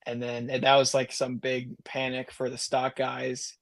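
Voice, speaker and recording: A man joining a casual podcast chat as a guest over a call, his voice muffled and hollow as if he is in a fishbowl, speaking in a relaxed, easygoing way. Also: mid-range voice, a little slow, vocal fry. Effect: muffled, hollow earbud call audio. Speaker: podcast guest, race winner. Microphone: wireless earbuds over a call.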